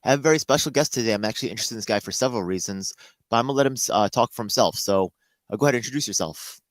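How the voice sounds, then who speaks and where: Fast-talking low-voiced male host. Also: dry recording. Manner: quick, hesitant with fillers. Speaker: interview host. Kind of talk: casual interview.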